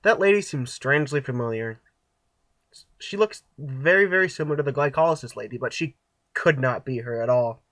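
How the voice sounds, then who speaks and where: Brief: young male narrator, loose and rambling, mid pitch, close dry sound. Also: fairly quick, a bit bright, no room sound. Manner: offhand, rambling, with fillers. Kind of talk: casual skit narration.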